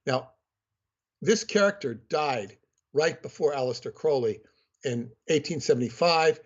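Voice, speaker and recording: A man, a guest author on a podcast, explaining at length in a measured, lecturing way over a remote call. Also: mid-range voice, highs cut off.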